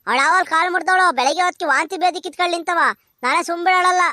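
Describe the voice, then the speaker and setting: Woman doing a shrill scolding cartoon granny. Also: rapid-fire, pushed and bright, no room sound, clean studio sound. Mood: angry scolding. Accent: rural Karnataka Kannada. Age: older. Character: loud quarrelsome old village grandmother. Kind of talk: cartoon comedy voice acting.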